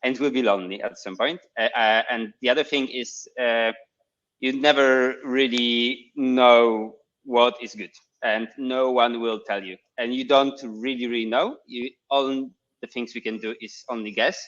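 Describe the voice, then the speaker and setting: A man's voice: mid-range voice, steady tone, normal speed, a bit bright. A man speaking as a guest on a video call, giving casual advice in a hesitant way, searching for words. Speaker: guest entrepreneur. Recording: muffled video-call audio.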